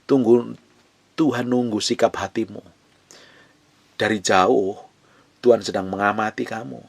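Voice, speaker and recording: Fervent husky-voiced male preacher. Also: lowish voice, fairly even intonation, measured pace, no echo. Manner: fervent, repetitive, swings between loud urging and hushed whispers. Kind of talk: sermon.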